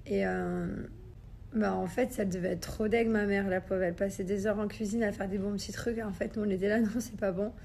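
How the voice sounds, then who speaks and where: A woman's voice: mid-range voice, steady tone, fairly quick, vocal fry, a little mellow, slight background noise. A young mother chatting casually to her followers in a phone story, rambling with lots of fillers.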